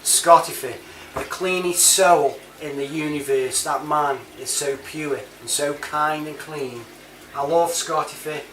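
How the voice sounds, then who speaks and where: At a measured pace, a British man with a slightly high, somewhat bright voice and fairly even intonation rambles through a casual monologue. He reviews things online and uses a CB chat app, and his talk is chatty, matey and full of informal slang. A distant mic in a roomy space captures clear background noise.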